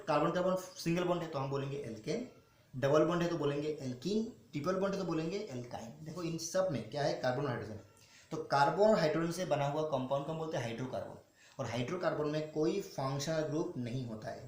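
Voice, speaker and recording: A male chemistry teacher explaining step by step, asking questions, answering them himself and slowing down to spell out formulas. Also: on the high side. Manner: repeats questions and answers them himself, calls students "beta". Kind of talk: classroom-style teaching. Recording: echoey room with faint noise.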